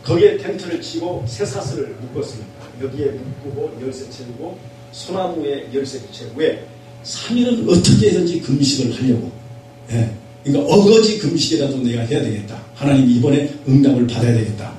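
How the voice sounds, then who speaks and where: A middle-aged man preaching a fervent revival sermon as a pastor, moving between loud exhortation and quiet personal testimony. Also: mid-range voice, animated, a little fast. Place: prayer retreat hall. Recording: echoey hall from far off, faint hum.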